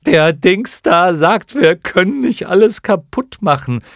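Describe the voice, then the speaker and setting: A chirping gang of tiny winged clown creatures, put on by a man, high-pitched, shrill and drawn-out. The voice leaps about and rasps, recorded dry and close. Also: expressive, a bit bright, dry recording, full character voice. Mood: giddy. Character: squeaky silly clown moths, small winged creatures.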